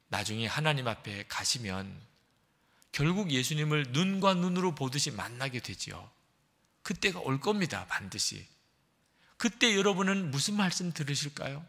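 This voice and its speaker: A man's voice: on the high side, sharp tone. A man preaching a sermon as pastor in a church sanctuary, telling stories in an earnest, emphatic way. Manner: earnest, emphatic storytelling with dramatic shifts. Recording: reverberant church hall.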